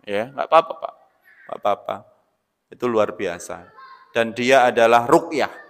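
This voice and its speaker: A man preaching an Islamic sermon, swinging between loud emphatic bursts and quiet asides, often addressing listeners as "Pak". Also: medium pitch, unhurried, gravelly. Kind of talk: lecture-style religious sermon. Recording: long reverb of a large hall.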